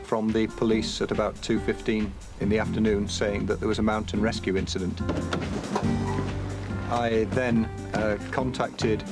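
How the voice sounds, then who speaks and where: A man's voice: fairly low pitch, little pitch movement, normal speed. A man speaking as a mountain rescuer, recounting events for a children's documentary. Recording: loud music behind.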